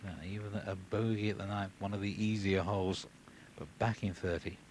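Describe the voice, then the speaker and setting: Male golf commentator, lowish voice, measured and conversational live calls, clear background noise from the broadcast. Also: flat delivery.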